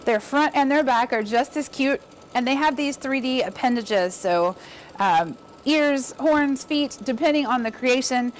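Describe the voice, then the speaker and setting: A woman's voice: high-pitched, a little slow, slight background noise. A woman giving an upbeat, chatty embroidery demonstration, encouraging viewers as she works. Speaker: embroidery instructor. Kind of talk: casual demonstration.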